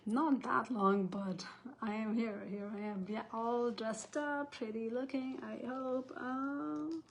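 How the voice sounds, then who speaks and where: A woman's voice: fairly high pitch, steady tone, takes it slowly, slight background noise. Chatty woman. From Nepal. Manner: chatty and rambling, often restarting sentences. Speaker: host. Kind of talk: casual livestream chat.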